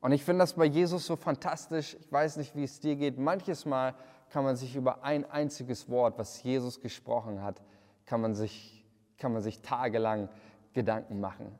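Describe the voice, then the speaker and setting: A man's voice: medium pitch, fairly even intonation, normal speed, darkish tone, big-room sound. A man preaching a livestreamed sermon, earnest, often repeating words and restarting his sentences. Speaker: pastor.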